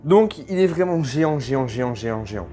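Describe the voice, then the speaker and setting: A man giving casual, excited unboxing commentary, gushing and exclaiming often with lots of slang, recorded on a phone. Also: medium pitch, brisk, soft background music. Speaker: toy unboxing vlogger.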